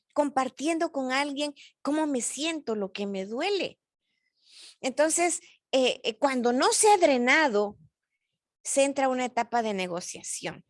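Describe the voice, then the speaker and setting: A woman's voice: sits high, no echo, clean studio sound. A woman leading a parent workshop, speaking earnestly, with frequent repeats and restarts. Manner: slow, repeats words and restarts often; earnest, gently urging listeners. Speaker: parent training facilitator. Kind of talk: teaching a workshop on grief.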